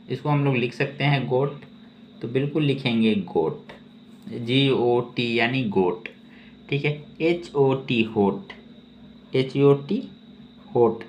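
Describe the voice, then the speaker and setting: Slow, methodical male English teacher. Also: mid-range voice. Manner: spells words letter by letter, then repeats them; often says "okay" between explanations. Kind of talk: slow spelling and reading lesson. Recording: dull, lo-fi sound with faint ambient noise.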